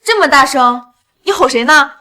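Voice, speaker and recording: An actress playing a young true heiress who speaks coldly, with scorn and authority. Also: female voice, high voice, animated, normal speed, bright, forceful tone. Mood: scornful. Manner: cold, scornful and commanding.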